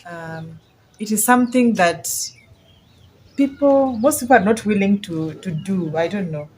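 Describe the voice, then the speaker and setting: A woman's voice: mid-range voice, animated, unhurried, a little mellow, breathy edge. A woman with a Kenyan accent hosting a casual video chat, feeling her way through her phrases. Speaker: channel host.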